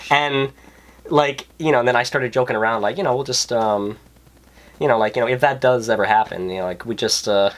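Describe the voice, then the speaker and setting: A man's voice: mid-range voice, a little fast. Rambling young man full of fillers. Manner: rambling, filler-heavy, self-mocking. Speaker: podcast co-host. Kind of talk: casual chat.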